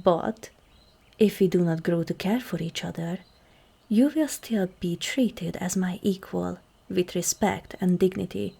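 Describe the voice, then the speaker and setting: Speaking on the low side and heavily acted, a woman voices an ancient demon queen, regal and seductive, in a scripted ASMR monologue addressed to the listener. She is measured and commanding, her husky, breathy, creaky tone often sinking to near a whisper, with a solemn, persuasive mood.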